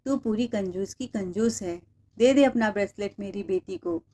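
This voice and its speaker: A woman's voice: mid-range voice, moderate pace, dark tone, close to an everyday voice. Brief: scolding, taunting mother-in-law in a storybook tale, read by a female narrator. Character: taunting older mother-in-law, sharp-tongued.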